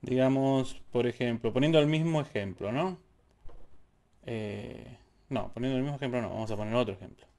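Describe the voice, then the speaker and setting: A man's voice: medium pitch, fairly quick, darkish tone. A man teaching a casual music theory lesson, explaining step by step and singing syllables to show rhythms.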